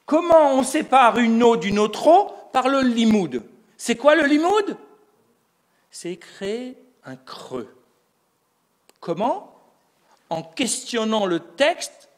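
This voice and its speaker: A man giving a lecture on religious texts, explaining step by step and posing rhetorical questions that he answers himself. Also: very high-pitched. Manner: explanatory, building an argument step by step. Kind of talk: recorded lecture.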